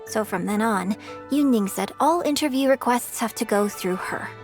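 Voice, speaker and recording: A woman voicing a composed young opera star who speaks in a measured, earnest way, in game audio with faint music. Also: on the high side, animated. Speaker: game character. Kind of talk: video game voice acting.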